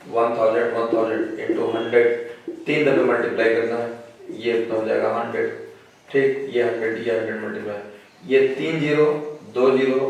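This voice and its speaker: A man teaching a physics lesson in a classroom, working through problems step by step and often checking with his students. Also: mid-range voice. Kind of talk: classroom lecture. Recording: echoey room, voice from a distance.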